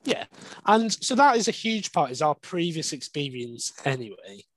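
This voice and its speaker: A man's voice: fairly high pitch, big pitch swings, normal speed, rough recording. A young man, a dog behaviourist, talking candidly and at length in a podcast interview. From Wales. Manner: candid, conversational, explains at length.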